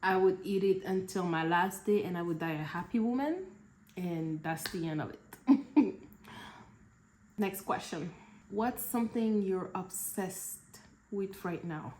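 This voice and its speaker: A woman's voice: lowish voice, measured pace, pauses often, a little hiss or hum. Chatty woman from Cameroon, echoey room. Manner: relaxed, chatty, laughs between answers. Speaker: vlogger. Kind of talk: casual Q&A vlog.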